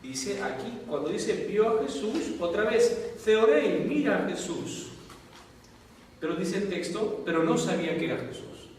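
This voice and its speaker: Far from the microphone in a very echoey classroom or lecture hall, a Peruvian-accented priest leads a Bible lesson and keeps checking in with the class through questions. He speaks high-pitched and unhurried, with lively intonation and a slightly mellow tone over faint background noise.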